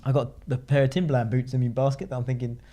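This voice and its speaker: A man's voice: mid-range voice, flat delivery, fast, warm tone. A young man co-hosting a casual chat podcast, chatty and talking over the others. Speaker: podcast co-host.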